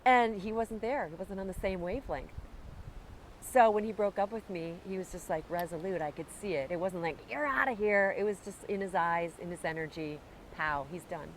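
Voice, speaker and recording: A woman guest talking in a casual, animated way about awareness and energy, swearing freely, recorded outdoors. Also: on the low side, fairly quick, slight background noise, rough recording. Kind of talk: casual spiritual conversation. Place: outdoors in Hawaiian upcountry.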